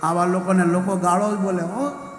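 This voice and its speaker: A man's voice: high voice, steady tone, normal speed. A man from Gujarat preaching a sermon as he tells a story, with an emphatic, exhorting, repetitive manner. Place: temple hall. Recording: echoey hall, faint music.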